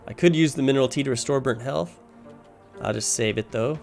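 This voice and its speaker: Here the guide speaks fairly quickly in a gravelly, slightly mellow mid-range voice, explaining his decisions as he works through the game. It's relaxed walkthrough commentary over background music.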